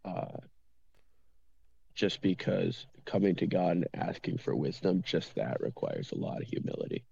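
A man's voice: sits low, big pitch swings, unhurried, vocal fry, dark tone, slightly rough. A man on a casual podcast, speaking thoughtfully with some hesitation over a dull lo-fi mic.

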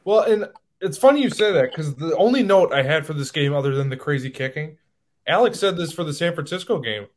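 A man's voice: on the high side, brisk. A man hosting a casual sports podcast, talking animatedly and getting worked up. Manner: animated, gets worked up and emphatic. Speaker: podcast host.

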